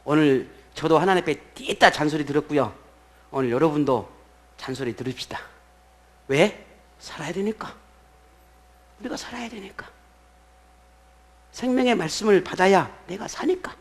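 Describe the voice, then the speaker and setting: A man with a fairly high voice preaching a sermon in a church. He talks in an animated way, jumping from loud, punchy lines to quiet asides, and he keeps asking his listeners questions before he answers them himself. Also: normal speed, long pauses. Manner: animated, swinging between loud bursts and soft asides; asks the congregation rhetorical questions and answers himself. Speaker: pastor.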